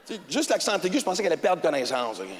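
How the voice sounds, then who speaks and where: A middle-aged man from Quebec with a Québécois French accent, doing animated, colloquial stand-up storytelling that swings between mumbling and shouting, into a handheld mic in a theatre. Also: sits high, very fast, slight background noise. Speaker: stand-up comedian. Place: large theatre stage with audience. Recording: hall reverb with audience ambience.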